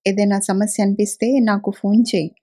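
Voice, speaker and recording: A woman reading the part of a kindly middle-aged male village doctor, speaking gently and reassuringly. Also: medium pitch, little pitch movement, brisk, natural voice. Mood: caring. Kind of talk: audiobook character reading.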